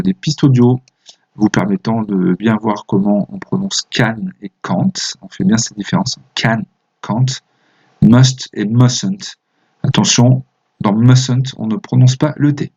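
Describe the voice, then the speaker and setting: A man with a husky, slightly breathy voice talks through a recorded English lesson for his pupils. He explains each rule patiently, pausing on fillers, and slows right down to read example sentences. The sound is dull and lo-fi. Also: fairly low pitch, darkish tone. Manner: reads example sentences slowly and carefully. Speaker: English teacher.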